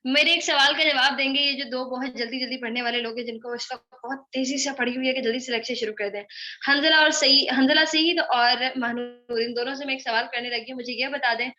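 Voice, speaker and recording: A young woman with a high, bright voice runs a live online spoken-English class and teases and scolds her students in a brisk way. She slips English phrases into her speech. The sound is dull and lo-fi, as if from a computer mic on a video call. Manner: teasing, brisk and scolding, mixing English phrases into Hindi-Urdu.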